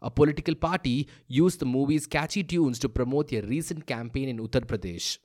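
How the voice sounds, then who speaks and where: Guy hosting a daily news podcast, brisk and chatty, a bit playful. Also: medium pitch, darkish tone. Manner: brisk, conversational, lightly playful. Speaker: podcast host. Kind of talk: scripted news explainer.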